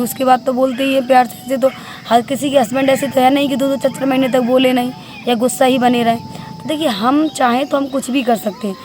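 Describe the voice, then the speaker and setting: Young housewife vlogger, high voice, heartfelt casual pep talk, keeps repeating herself. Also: female voice, darkish tone, slight background noise. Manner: earnest, heartfelt, repetitive and pleading. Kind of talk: casual motivational talk to camera.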